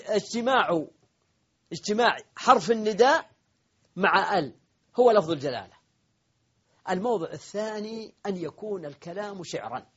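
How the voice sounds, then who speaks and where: High-voiced, husky male grammar teacher. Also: dull audio. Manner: explains step by step, repeats key points, asks and answers questions. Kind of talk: classroom grammar lesson.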